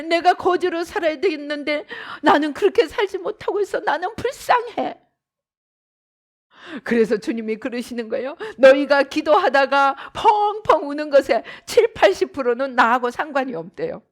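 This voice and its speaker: A middle-aged woman pastor giving a dramatic sermon, acting out the voices she quotes. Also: high-pitched.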